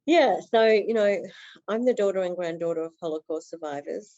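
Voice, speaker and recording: Here a woman from Australia talks briskly in a lowish, dark-toned voice, with the top frequencies missing from the audio. She's a podcast guest in a flowing interview conversation, speaking earnestly and filling gaps with lots of fillers.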